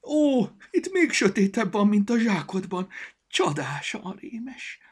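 A man voicing an excitable talking storybook that loves adventure, crying out in a shrill, theatrical voice. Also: vocal fry, full character voice. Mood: delighted.

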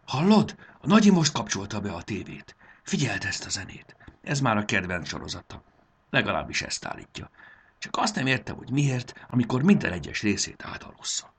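A man voicing an excited, secretive schoolboy who talks in a hushed, husky voice. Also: mid-range voice, pitched above the performer's own voice. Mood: whispering.

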